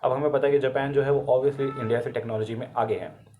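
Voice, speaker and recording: A man's voice: mid-range voice, steady tone, quick pace, warm tone, a little hiss or hum. A man with an Indian accent and a sore throat, explaining current affairs for exam students in a casual, chatty way, mixing Hindi with English and correcting himself as he goes.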